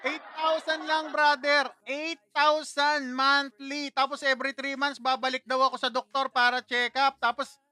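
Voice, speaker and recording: Playful bright-voiced man hosting a livestream. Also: very high-pitched, flat delivery, a little slow, hardly any pauses. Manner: playful, teasing, laughs often. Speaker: livestream host. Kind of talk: casual livestream chat with viewers.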